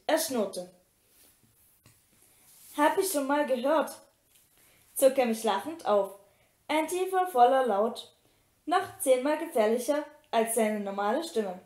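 A woman reading a novel aloud in German, first-person audiobook narration with an expressive manner. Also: high voice. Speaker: audiobook reader. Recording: roomy echo.

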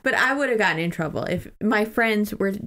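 A woman co-hosts a podcast, chatting casually about books in an irreverent way and swearing freely. Her medium-pitched voice is lively, fairly quick, and fairly bright.

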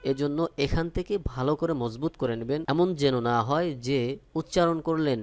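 A man teaching Quran recitation step by step, patiently drilling each letter twice with pauses. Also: a little high.

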